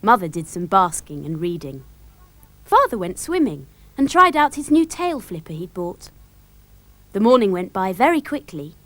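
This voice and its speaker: A woman with a British accent narrating a children's storybook in a lively, expressive way. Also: mid-range voice, moderate pace, dry recording.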